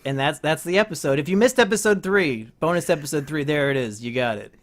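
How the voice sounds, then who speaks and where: A man's voice: a little high, fast. A man co-hosting a podcast, trading crude, mocking banter and breaking into heated rants. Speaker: podcast co-host. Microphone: podcast microphone.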